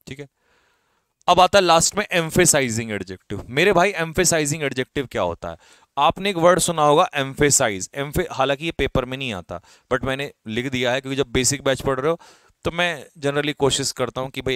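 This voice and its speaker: A man's voice: medium pitch, fairly bright tone, clear, resonant tone, no room sound. A young man teaching grammar in a classroom lecture, asking questions and answering them himself. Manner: explains in Hindi, reads English examples slowly and stresses them. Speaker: English teacher.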